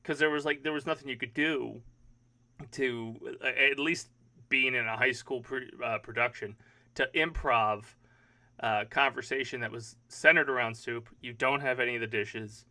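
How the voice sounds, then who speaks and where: A man's voice: medium pitch, steady tone, moderate pace, bright, forceful tone. A young man hosting a podcast, chatting casually, cursing now and then and trailing off mid-question. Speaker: podcast host.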